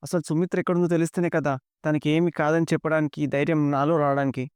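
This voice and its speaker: A man voicing a weary, heartbroken elderly grandfather in a rapid, dry retelling of a serial episode. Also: on the high side, little pitch movement, a little mellow, clear, resonant tone, no room sound, natural voice. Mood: anguished.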